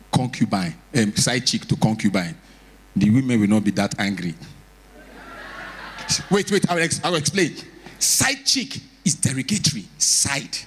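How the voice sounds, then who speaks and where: Telling comic stories to an audience from a live stage, a Nigerian stand-up comedian performs with a mid-range, husky voice. He's animated throughout, acting out bits and using dramatic pauses and repeats.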